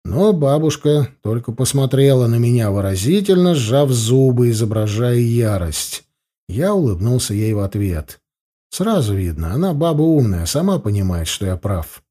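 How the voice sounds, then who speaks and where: A man's voice: medium pitch, normal speed. A man narrating a first-person audiobook story, telling it expressively. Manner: expressive storytelling with a lively, wide-ranging delivery.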